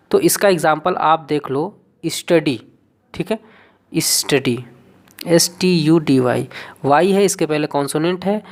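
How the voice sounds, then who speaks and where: Lower-voiced woman teaching an English lesson. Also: darkish tone. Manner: explains step by step, spells words letter by letter, checks understanding. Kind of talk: online exam-prep lesson.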